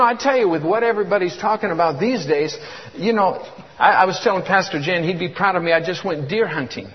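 A fervent guest preacher in his fifties, his voice pitched high, delivers a sermon in a church, repeating words and calling for responses from the congregation. The recording has the dull, lo-fi sound of an echoey hall.

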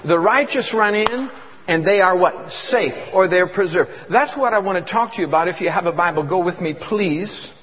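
A guest preacher in his fifties delivers a fervent sermon in church, repeating words and calling for responses from the congregation. His voice is high and his speed normal, recorded in an echoey hall with a dull lo-fi sound.

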